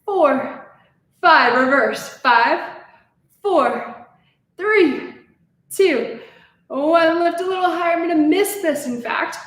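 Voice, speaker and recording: A woman teaching a live online pilates class, counting reps and cueing breaths while she demonstrates, a little out of breath. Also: high voice. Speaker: pilates instructor. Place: pilates studio. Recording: very echoey room with faint noise.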